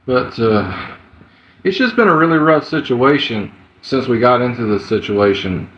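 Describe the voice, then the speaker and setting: A man's voice: medium pitch, animated, unhurried. A man with a Southern US accent, chatting casually as a livestream host in a rambling, folksy way. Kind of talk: casual livestream chat, greeting viewers. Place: indoor room at home. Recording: muffled, roomy, slightly noisy livestream audio.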